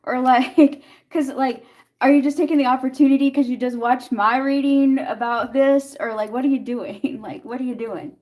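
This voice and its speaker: A woman's voice: high voice, steady tone, moderate pace, a little mellow. A young woman doing a casual tarot reading and chatting with viewers, laughing often and reacting to their comments. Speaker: tarot reader.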